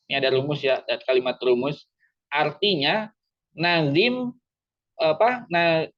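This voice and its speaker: A man teaching Quran recitation in an online lesson, explaining patiently, repeating himself and slowly chanting Arabic examples. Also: a little high, dull audio.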